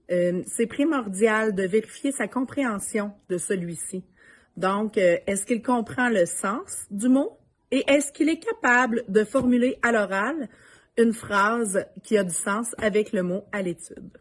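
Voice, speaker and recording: A woman narrating advice to parents in a calm, instructive way. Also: mid-range voice, a little slow. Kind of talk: scripted narration.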